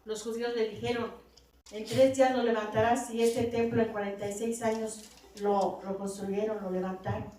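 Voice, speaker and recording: Woman preaching in a church, high-ish voice, keeps saying brothers and right?, big echo, sounds far from the mic. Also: flat delivery, moderate pace, mellow. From Latin America. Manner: repeats "hermanos" and "verdad" constantly, rising to emphatic peaks. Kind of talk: sermon. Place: church hall. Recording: very echoey hall, mic from far off, faint noise.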